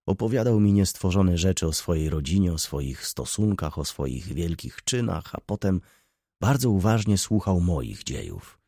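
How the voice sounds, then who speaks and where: A man narrating a classic novel as an audiobook, in a measured, expressive way. His voice is deep and gravelly with a husky grain, and the pitch moves a lot. The recording is close and dry. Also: no echo.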